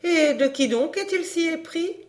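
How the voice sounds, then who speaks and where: A woman reading a proud, sharp-tongued young countess, cool and teasing, in an audiobook dialogue. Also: very high-pitched, animated, unhurried, voice pushed up.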